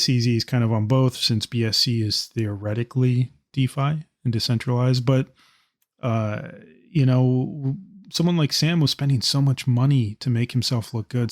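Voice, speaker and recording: A mid-pitched man chats on a casual podcast. He is relaxed and reflective, with a light joking touch. The recording is dry and close. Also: no echo. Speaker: podcast co-host.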